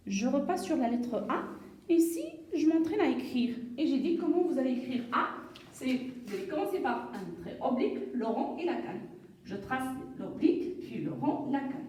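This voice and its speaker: A woman teaching a lesson to young children, speaking slowly and breaking words into syllables, with many "d'accord". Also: sits high, lively intonation, warm tone, slight background noise. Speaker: primary school teacher. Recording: echoey room, voice from far off.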